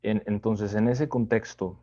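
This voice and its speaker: A man giving a conversational Bible study sermon, unhurried, often checking in with listeners through tag questions. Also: on the low side, steady tone, dark tone, lo-fi sound.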